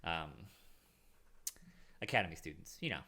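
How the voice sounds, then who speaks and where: A man runs a tabletop game as game master and narrates the scene playfully. His voice is bright, and his pitch rises and falls a lot. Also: expressive, moderate pace.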